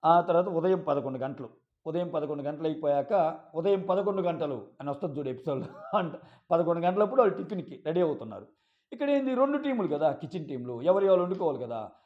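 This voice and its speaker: A man recapping a reality show episode in a casual, animated way, acting out quoted lines. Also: a little high, quick pace. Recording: dull lo-fi sound.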